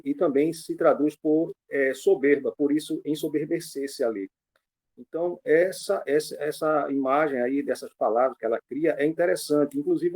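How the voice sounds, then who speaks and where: A man's voice: a little high, darkish tone. A man who is a pastor, explaining Greek word meanings to a church book club over a video call in a teaching tone. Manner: explanatory, teaching tone with frequent fillers.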